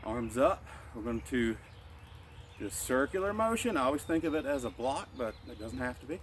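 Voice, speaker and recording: A man leads a gentle qigong class, his voice steady in pitch and unhurried as he cues each breath in and out. He gives simple, instructive directions for every movement. Faint outdoor noise with birds sits behind him. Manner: calm, instructive, cueing breaths. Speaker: martial arts instructor.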